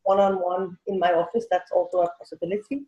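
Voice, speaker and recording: Speaking quickly in a fairly low, level voice, this teen coach and business owner from Denmark, in her forties, answers casually as an interview guest. Her Danish accent comes through, and as a native Danish speaker she phrases things hesitantly and often corrects herself. The echoing, roomy recording has its highs cut off.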